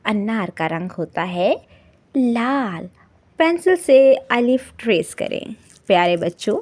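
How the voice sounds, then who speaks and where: Slow-paced woman teaching young children. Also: medium pitch, darkish tone. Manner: slow, drawn-out sounding of letters and words. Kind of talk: children's lesson narration.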